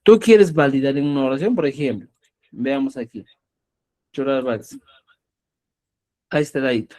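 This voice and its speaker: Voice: medium pitch, normal speed, dark tone. A teacher gives a lesson, stressing example words and checking in often with the listeners. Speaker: Quechua writing teacher. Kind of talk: explanatory lesson.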